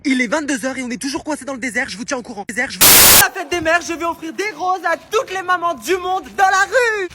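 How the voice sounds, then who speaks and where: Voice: extremely high pitch, fast talker, background noise. A vlogger from France talking to camera in a casual, dramatic, chatty way. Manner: expressive, dramatic reactions, chatty. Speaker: social media creator. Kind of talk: casual vlog narration to camera.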